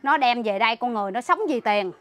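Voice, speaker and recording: A woman with a Southern Vietnamese accent, a relative looking after a sick man, gives an emotional interview account. Her voice sits on the high side and sounds a bit bright, and she speaks quickly. She rushes through her story, indignant, restarting again and again.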